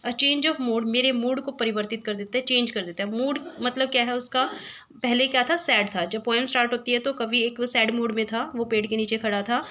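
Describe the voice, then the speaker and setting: A woman's voice: fairly high pitch, steady tone, a bit bright, a little hiss or hum. A woman teaching a school English poem, explaining it in Hindi and asking questions she then answers herself. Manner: reads English lines slowly, word by word.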